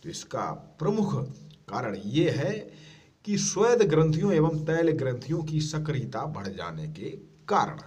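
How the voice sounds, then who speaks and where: A man teaching an exam-prep lesson, reading each question and then giving the answer in a lower voice, explaining patiently. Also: big pitch swings, measured pace, darkish tone, recorded from a distance.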